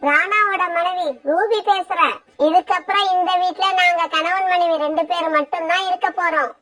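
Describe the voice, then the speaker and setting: Woman voicing a vain scheming sparrow, cartoon, haughty, bossy, very high, bright. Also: steady tone, moderate pace. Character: scheming vain female sparrow, the new wife. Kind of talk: cartoon voice acting.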